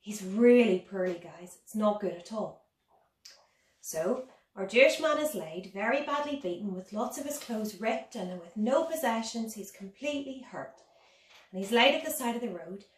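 A woman's voice: mid-range voice, expressive, moderate pace. A woman in her thirties teaching a children's Sunday school lesson, explaining simply and asking her young listeners questions. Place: dining room at home, indoors. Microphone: camera a couple of metres away. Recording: roomy, distant phone-camera recording.

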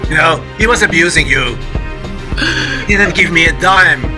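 A man's voice: on the high side, normal speed, lightly acted. A man playing a callous grown son, blunt and dismissive, over background music. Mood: scheming. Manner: blunt, dismissive, repeats "yeah?". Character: callous grown son glad his father died. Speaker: improv actor.

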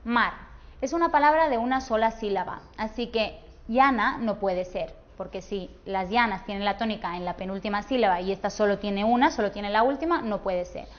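A woman with a Peninsular Spanish accent teaching a grammar lesson, saying example words slowly and clearly. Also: medium pitch. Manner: slow, clear, drawn-out pronunciation of example words. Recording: dull, lo-fi sound.

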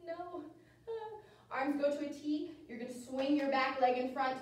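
An American woman with a high voice leads toddlers through ballet steps, calling cues at a moderate pace in an animated, encouraging, sing-song way. The indoor wooden-floored dance studio is very reverberant, with music playing, captured by a camera several metres away.

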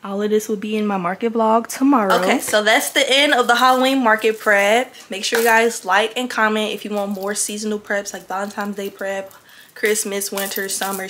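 A woman's voice: mid-range voice, fairly bright tone, a little hiss or hum. A young woman chatting casually in a vlog, showing off things she has made and gushing over them. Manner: gushing, chatty show-and-tell. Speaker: crochet vlogger.

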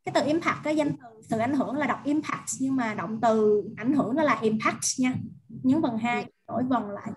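High-voiced woman teacher with a Vietnamese accent. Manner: prompting students, repeating words slowly. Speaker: English teacher. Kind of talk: online vocabulary drill.

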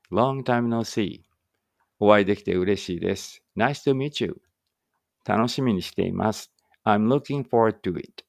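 A man with a low, gravelly voice, an English teacher, leads phrase drills in clean studio sound with no echo. He reads each Japanese phrase and then its English version slowly and deliberately, explaining in a relaxed, conversational tone.

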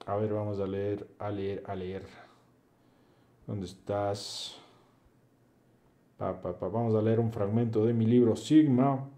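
A man's voice: lowish voice, fairly even intonation, slow pace, long pauses, dark tone. A young man hosts a live stream. He reads viewers' questions aloud and answers them in a blunt, preachy, slangy way. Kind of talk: live Q&A, reading chat comments aloud.

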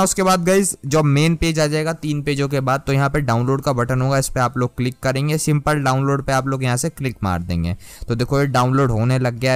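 A man's voice: mid-range voice, clear, resonant tone. A man hosting a gaming channel, talking viewers through a mobile game tutorial in a casual, chatty way and calling them guys and brother.

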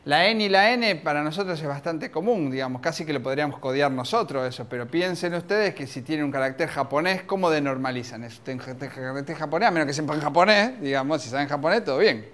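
A man with an Argentine accent giving an informal, lively technical talk at a conference, often restarting his sentences. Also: fairly high pitch, quick pace, hardly any pauses. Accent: Argentine Spanish. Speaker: conference speaker. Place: conference room.

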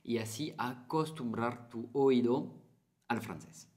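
A man's voice: medium pitch, slow, darkish tone. Chatty teacher man. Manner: chatty, repeats phrases, small Spanish slips. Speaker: French teacher. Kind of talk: casual spoken lesson to camera.

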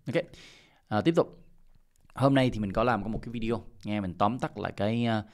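Man, middle-aged, lowish voice, casual market commentary, filler-heavy, repetitive. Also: brisk. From Vietnam. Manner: loose and repetitive, peppered with "ok" and "à" fillers. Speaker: crypto channel host.

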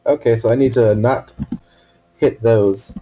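A man playing a video game alone in a room at his computer, wearing headphones, talking to himself with casual commentary, swearing and bursting into sudden excitement. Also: mid-range voice, unhurried, poor audio. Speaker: let's play gamer.

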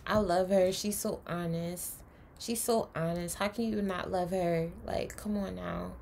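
A woman's voice: fairly low pitch, fairly even intonation, unhurried, vocal fry, a little mellow, slight background noise. A woman hosting a reaction video, speaking passionately and emphatically, sometimes lecturing her viewers. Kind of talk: reaction commentary. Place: indoors, home room.

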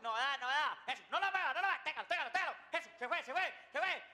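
A man voicing a frantic man who shouts rapid orders during a balloon launch. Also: very high voice, full character voice. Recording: noisy recording.

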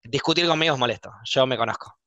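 A young Argentine man hosting a casual podcast chat, talking emphatically and with passion, so that he sounds angry even when he is not. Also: medium pitch, fast talker, dry recording, lo-fi sound. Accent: Argentine Spanish. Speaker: podcast host.

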